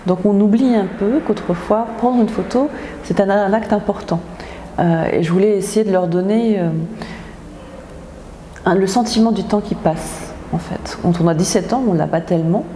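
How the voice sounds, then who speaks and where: A woman from France, an author, speaking thoughtfully in an interview, pausing often with filler sounds. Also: mid-range voice, warm tone, a little hiss or hum. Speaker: author in residence. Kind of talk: reflective interview talk. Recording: echoey hall with faint ambience.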